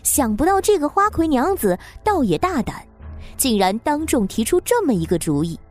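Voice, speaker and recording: A woman narrating a story in an expressive, dramatic way. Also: high voice, normal speed. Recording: faint background music.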